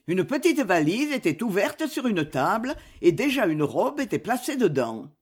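Husky woman narrating a novel. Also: medium pitch, sing-song, moderate pace, a little mellow. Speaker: audiobook reader.

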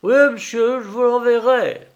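A man's voice: very high-pitched, steady tone, a little slow, darkish tone, dull audio, voice pushed up. A man voicing a talkative middle-aged peasant farm wife who speaks in an emphatic, rustic way. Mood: eager.

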